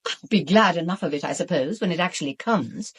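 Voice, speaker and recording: An actress with a British accent plays a bitter, outspoken woman in a radio drama, sounding blunt, emphatic and agitated. Her voice is fairly low and animated with a breathy edge, and she speaks fairly quickly.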